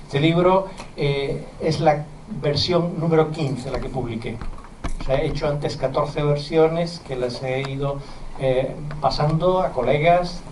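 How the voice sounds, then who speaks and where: A middle-aged man with a mild Andalusian accent lectures earnestly to an audience of parents, slipping in conversational asides. His fairly high voice is picked up from a distance. It echoes around a roomy hall with faint noise underneath. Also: a little slow, darkish tone. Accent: mild Andalusian Spanish. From southern Spain. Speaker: physician and university lecturer.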